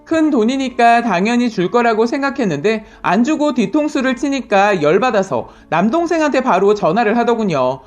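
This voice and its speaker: A woman calmly narrating a first-person story as a story reader. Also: a little high. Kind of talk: story reading for sleep. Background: faint music.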